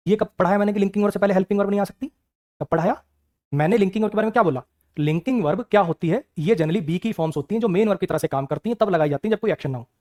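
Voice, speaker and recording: Male grammar teacher, quick and high-pitched, scolding and questioning. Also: darkish tone. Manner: brisk, scolding rhetorical questions to students. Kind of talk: exam-prep grammar lecture.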